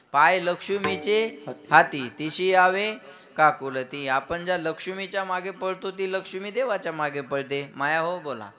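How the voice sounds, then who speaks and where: High, bright-voiced kirtan preacher. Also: male voice. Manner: calls on the audience to answer, chants verses slowly. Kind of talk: devotional sermon with audience call-and-response.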